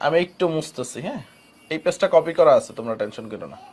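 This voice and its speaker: A man's voice: fairly high pitch, lively intonation, fast talker, a little mellow, a little hiss or hum. A man. He talks casually and repeats each point. He quizzes the class and then gives the answer himself. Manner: repetitive, asks students questions and answers them; colloquial Bangladeshi speech. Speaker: chemistry teacher. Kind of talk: classroom lecture.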